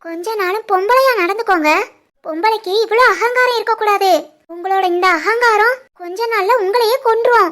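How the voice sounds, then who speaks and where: A woman voicing an outspoken young daughter-in-law in an animated family drama, defiant and lecturing, with a southern Tirunelveli Tamil accent. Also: very high-pitched, fairly quick. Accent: southern Tamil Nadu (Tirunelveli) Tamil.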